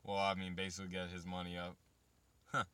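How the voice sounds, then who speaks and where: A vlogger in his thirties chats casually and profanely with his viewers, rambling about waiting and raising kids while talking straight to chat. His low-pitched voice is monotone, brisk, bright and forceful, and the recording is clean with no echo.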